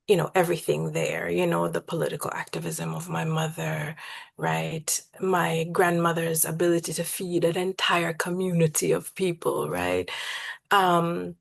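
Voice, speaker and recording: Gravelly woman, earnest panelist. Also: deep voice. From Jamaica. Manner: earnest, emphatic, frequent "right?". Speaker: poet and professor on a panel. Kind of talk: panel discussion.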